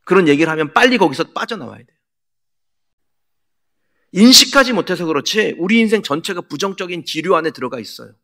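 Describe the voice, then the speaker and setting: A man's voice: high voice, lively intonation, a little fast, long pauses, pushed and bright. A male pastor preaching a sermon in a church, asking the congregation questions and acting out quotes. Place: church sanctuary.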